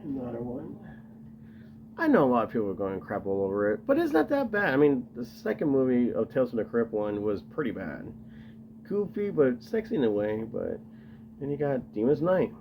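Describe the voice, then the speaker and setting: A man's voice: medium pitch, huge pitch swings, moderate pace, muffled recording, a little hiss or hum. A man casually rambling to camera as he shows off his collection, enthusiastic and full of fillers. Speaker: video host showing his tape collection.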